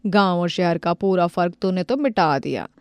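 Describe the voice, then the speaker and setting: A woman's voice: lowish voice, animated, moderate pace, no echo. A woman voicing a mocking middle-aged neighbor who taunts. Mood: taunting.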